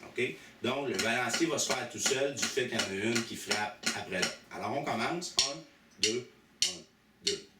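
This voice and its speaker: A man's voice: mid-range voice, normal speed, hardly any pauses, very noisy. A man with a Québécois French accent teaching drums, patiently counting aloud and naming each stroke. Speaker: drum teacher. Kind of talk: drum lesson with demonstrations. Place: drum school studio. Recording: echoey room, mic far off, loud drum hits.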